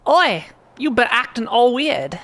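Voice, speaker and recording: A woman's voice: a little high, sing-song, unhurried, fairly bright tone, voice pushed up, full character voice. A woman putting on a brash young thief girl. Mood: cocky. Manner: reading game dialogue aloud in a rough mock accent.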